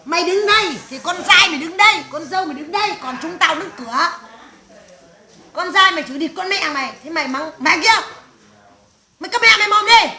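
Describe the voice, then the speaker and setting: A woman medium channeling a shrill, cursing old grandmother spirit. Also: a little fast, pushed and bright, full character voice. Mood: ranting. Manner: harsh, crude, cursing tirade. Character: stern old great-grandmother spirit scolding family. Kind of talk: séance spirit possession. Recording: echoey room.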